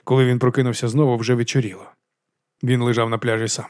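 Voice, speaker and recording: A man reading a novel aloud as an audiobook narrator, in brisk, even storytelling. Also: medium pitch, no room sound, studio quality.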